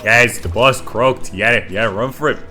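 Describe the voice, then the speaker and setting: A man's voice: medium pitch, brisk, sharp tone, faint music behind. A man giving casual, rambling let's play commentary on a game. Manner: casual, rambling, lots of fillers. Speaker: gaming channel host.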